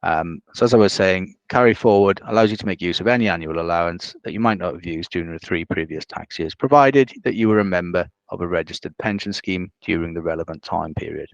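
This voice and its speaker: A male financial adviser giving a measured, businesslike explanation on a video call. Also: low-pitched, vocal fry, dry recording, lo-fi sound.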